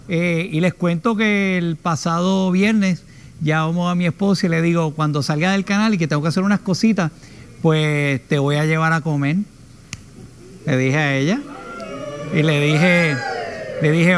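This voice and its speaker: A man with a Puerto Rican accent hosting a studio comedy show, telling a story animatedly and acting out the other people in it. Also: high voice. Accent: Puerto Rican Spanish. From Puerto Rico. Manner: animated storyteller, acts out voices with shrieks. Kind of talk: comic storytelling monologue. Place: television studio.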